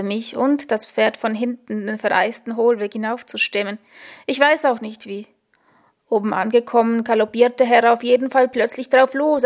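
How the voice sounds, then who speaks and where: A woman reading her own first-person story aloud in a dry, deadpan way, sometimes correcting herself. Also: fairly high pitch. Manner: dry, deadpan humour, occasional self-corrections.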